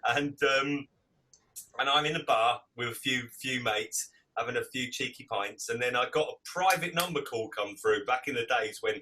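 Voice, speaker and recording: A man's voice: mid-range voice, moderate pace, sharp tone, recorded from a distance. A man, telling rave stories in a casual interview, chatty and laughing, with lots of restarts. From England. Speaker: DJ and producer guest.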